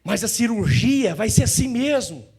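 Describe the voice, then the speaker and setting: A man preaching a sermon as pastor in a church, animated, often acting out the voices of the people he describes. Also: very high-pitched, normal speed, breathy edge.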